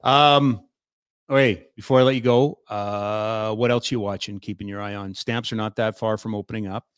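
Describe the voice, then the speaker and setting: A man's voice: fairly low pitch, steady tone, moderate pace, clear, resonant tone, no room sound, studio quality. A man hosting a radio talk show, chatting casually with a guest and reading sponsor spots. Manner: joking, chatty, loose with fillers.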